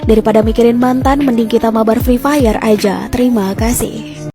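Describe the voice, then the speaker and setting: A woman's voice: on the high side, fairly even intonation, moderate pace, over loud music. A woman delivering a mock flight announcement in a formal announcer manner.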